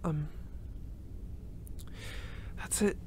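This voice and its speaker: In an audio role-play, a woman voices a young male reborn spirit who is gentle and emotional, breathless, and prone to nervous sighs and laughs. She draws out her words in a soft, tender mood, with background noise present.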